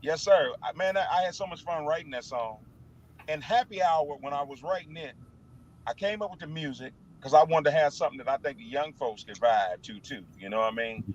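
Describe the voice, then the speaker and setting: Guy in his 50s, excited rambling stories, talking from his car, kinda muffled sound. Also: a little high, fairly quick. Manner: animated storytelling, stammering restarts. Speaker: musician guest. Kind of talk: casual interview chat. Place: parked car. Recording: dull lo-fi sound.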